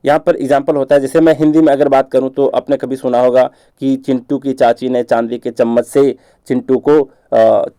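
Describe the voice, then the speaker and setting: A man with a dark, mid-range voice and little pitch movement gives an exam-prep grammar lecture, explaining patiently, checking understanding with questions, and reading English examples slowly. There's no room sound.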